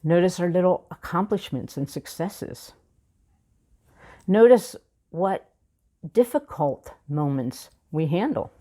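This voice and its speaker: A woman minister delivers a sermon in a low, mellow voice. She talks reflectively, weaving in a personal story and leaving measured pauses between her thoughts. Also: lively intonation.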